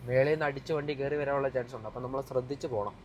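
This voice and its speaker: A young Malayali man chats casually to viewers in a driving vlog, mixing English words and slang into his speech and repeatedly addressing his audience. He talks very fast at medium pitch with a steady tone, and the muffled recording carries a little hiss or hum.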